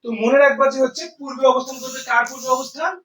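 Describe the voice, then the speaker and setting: High-voiced man teaching grammar. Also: fairly even intonation, fairly bright tone, roomy sound, far from the mic, rough recording. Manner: explains slowly, asks and answers own questions, often says "ঠিক আছে". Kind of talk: classroom lecture in Bengali and English.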